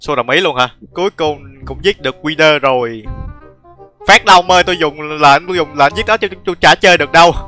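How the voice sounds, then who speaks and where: A man's voice: fairly high pitch, quick pace, few pauses, pushed and bright, soft background music. A young man, laughing often and poking fun at himself while reacting to his old gaming videos. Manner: laughs often, self-mocking and chatty. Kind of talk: casual reaction commentary.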